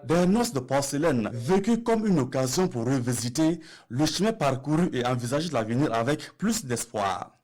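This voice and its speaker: A man's voice: mid-range voice, expressive, moderate pace, hardly any pauses, a little mellow. A man narrating a television news report with a formal delivery.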